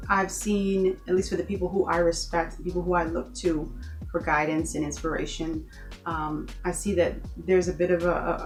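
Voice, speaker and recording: A woman's voice: lowish voice, a little mellow. A woman from the Bahamas giving an earnest motivational talk in her vlog, encouraging viewers and repeating points for emphasis. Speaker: vlogger.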